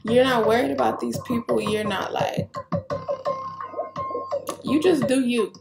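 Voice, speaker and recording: A woman's voice: on the high side, fairly even intonation, measured pace. A woman giving a casual tarot reading straight to the viewer, rambling, laughing and swearing as she goes. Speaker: tarot reader. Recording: roomy echo with clear music behind.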